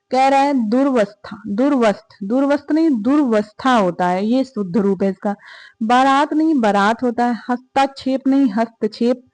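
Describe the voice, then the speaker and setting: A woman's voice: on the high side, darkish tone, no room sound. A woman teaching an exam prep lesson, repeating each answer and quizzing her listeners aloud. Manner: repetitive, drilling questions and answers aloud.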